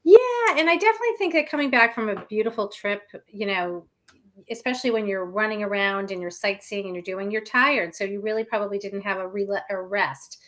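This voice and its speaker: A woman's voice: medium pitch, fairly quick, fairly bright tone. A woman co-hosting a live show as a meditation facilitator, chatting casually.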